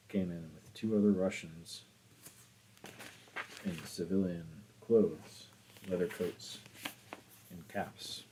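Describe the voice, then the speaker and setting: A man reading a classic novel aloud as an audiobook narrator, in a measured, deliberate way. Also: low voice, mellow, slight background noise, low-quality recording. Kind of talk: scripted literary narration.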